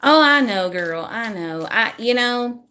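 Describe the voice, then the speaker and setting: A woman, going a bit hoarse, chatting to viewers as she gives a casual live tarot reading into her phone at home. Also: fairly high pitch, lively intonation, unhurried, bright, forceful tone. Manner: chatty, self-deprecating, talks to viewers. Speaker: tarot reader.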